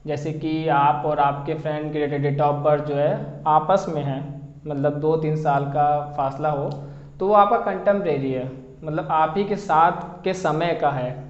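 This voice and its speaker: A man's voice: a little high, fairly even intonation, takes it slowly. A man teaching a class lecture, often stopping to ask whether the students have understood. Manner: repeats questions to check understanding. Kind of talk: Hindi lecture on English poetry. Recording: roomy, dull lo-fi audio.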